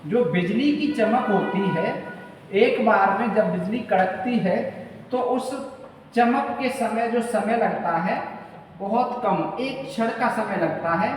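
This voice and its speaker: A man's voice: sits high, slow. A man teaching a lesson, repeating points and asking and answering his own questions. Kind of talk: classroom lecture. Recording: echoey room, mic at a distance, faint hum.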